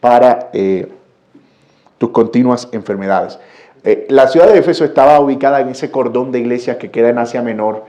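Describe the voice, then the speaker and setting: A man's voice: mid-range voice, normal speed, dark tone, roomy sound. A man preaching a sermon as pastor, speaking earnestly and rising to emphatic bursts at key points. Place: church sanctuary.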